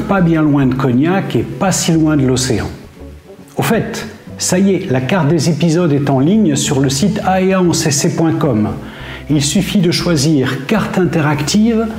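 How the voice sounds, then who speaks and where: A man in his fifties presenting a campsite in a steady, clearly scripted travel-vlog narration, seated at a table facing the camera. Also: on the high side. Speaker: travel vlogger. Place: indoor room with brick wall. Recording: roomy echo with soft music behind.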